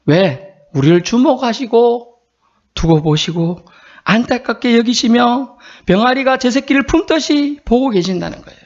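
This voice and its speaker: A male pastor preaching a sermon in an earnest, conversational way, sometimes acting out quotes in a high voice. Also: animated, moderate pace, dull audio.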